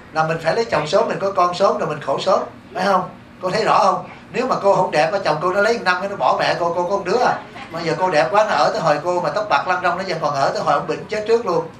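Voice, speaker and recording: Monk with a Southern Vietnamese accent, a male teacher preaching in a temple hall; high, quick delivery, echoey room, caught from a distant mic. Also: a little hiss or hum. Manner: lively, keeps asking the audience rhetorical questions. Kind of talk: dharma talk to a congregation.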